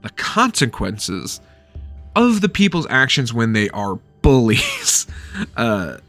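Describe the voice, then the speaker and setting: A man's voice: mid-range voice, huge pitch swings, slow pace, vocal fry, fairly bright tone, soft background music. A man in his thirties giving a loose, rambling book review at home, swearing freely.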